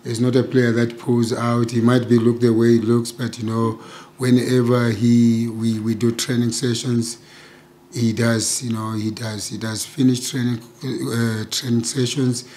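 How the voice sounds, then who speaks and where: A middle-aged man, a football coach answering questions at a post-match press conference, speaking in a measured way with many "you know" fillers into table microphones. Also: medium pitch, little pitch movement, darkish tone, a little hiss or hum. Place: press conference room with sponsor backdrop. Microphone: table microphones in front.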